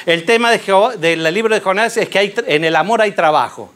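A man preaching a sermon, telling a Bible story with rhetorical questions and lively storytelling. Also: high voice, brisk.

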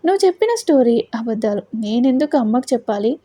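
A woman's voice: a little high, expressive, fast, dark tone, no room sound. A woman voicing a young bride who confronts her husband, pleading and defiant. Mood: defiant, hurt.

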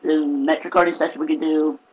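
A man's voice: on the high side, level tone, muffled recording, crowd noise. A young man chatting casually and joking while playing a racing game with his cousin. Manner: joking, rambling, quick laughs. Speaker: gamer recording a video. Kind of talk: casual gameplay chat.

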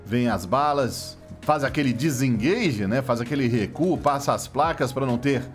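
A man with a Brazilian Portuguese accent giving joking, mock sportscaster commentary over video game footage. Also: mid-range voice. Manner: joking, playful, animated play-by-play. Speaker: gameplay commentator.

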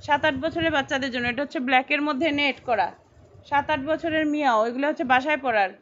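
Selling clothing online in a live-stream sales chat, this woman talks fast in a voice that sits high and a bit bright. She's chatty, says sizes over and over, and calls out the names of buyers, all on a dull, lo-fi stream carrying faint noise.

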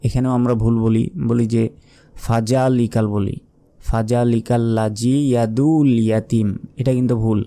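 A man teaching recitation, explaining pronunciation mistakes and then chanting the verses slowly in a raised tone. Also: medium pitch, flat delivery, mellow. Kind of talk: pronunciation lesson with slow drawn-out recitation.

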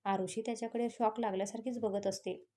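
A woman narrating a romantic story, reading in a steady, even way. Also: fairly high pitch, quick pace.

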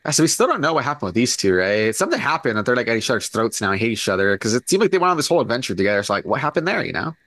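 Fast, animated man doing game commentary. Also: mid-range voice, dry recording. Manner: chatty, easily amused. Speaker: let's play host.

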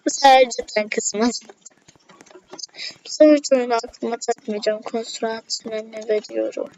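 A woman doing casual let's-play commentary as a gaming YouTuber, excitable, talking straight to her viewers and breaking into gasps and shrieks. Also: on the high side, a little slow. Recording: slightly dull lo-fi with faint hiss.

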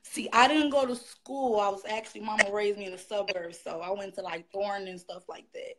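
A woman in her twenties from Chicago's South Side gives her opinion in a hushed voice over a video call from work. She pauses often with "um" and keeps her tone low. Her voice sits at an ordinary pitch. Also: fairly even intonation, slight background noise, rough recording. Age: 20s. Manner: hesitant, filler-heavy, kept quiet. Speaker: caller.

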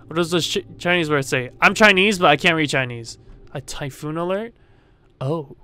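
A man's voice: fairly high pitch, moderate pace, pushed and bright, clean tone. A man hosting a horror game playthrough in jumpy, self-mocking, swearing chatter. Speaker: gaming video host. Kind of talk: casual horror game let's play. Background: faint game music.

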